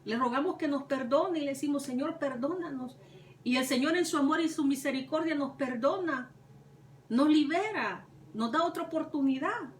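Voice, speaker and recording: A woman's voice: sits high, moderate pace, slight background noise. A woman preacher retelling a Bible parable, repeating herself and asking rhetorical questions. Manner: retells scripture with many repetitions and rhetorical questions. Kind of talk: Bible teaching. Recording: echoey room, mic at a distance, faint ambience.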